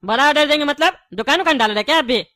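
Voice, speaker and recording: A woman playing a chatty male candy shopkeeper in a comedy skit, quick to argue and laughing often. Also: high-pitched, shouting, music in the background, close to an everyday voice. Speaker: comic skit actor.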